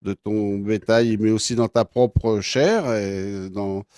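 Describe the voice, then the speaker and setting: A man hosting an interview, introducing his guest slowly with many hesitations. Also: fairly low pitch, fairly even intonation, darkish tone, clear, resonant tone, no room sound, clean studio sound. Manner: hesitant, many fillers and restarts. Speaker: interview host.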